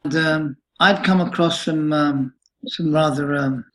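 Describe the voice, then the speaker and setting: A man in his late fifties, recounting a troubling experience in a halting interview answer with many restarts. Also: fairly high pitch, steady tone, a bit bright, rough recording. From United Kingdom. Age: 50s. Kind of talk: emotional personal account.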